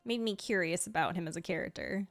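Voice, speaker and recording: This video creator and game streamer talks fast in a lowish voice, rambling through casual reaction commentary as she ranks game trailers. She's chatty and drops gushing asides, with faint music playing behind her.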